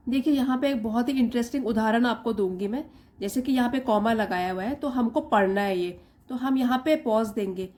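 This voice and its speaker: A woman teaching an English reading lesson, reading English slowly word by word and explaining each part briskly. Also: fairly high pitch, a little mellow.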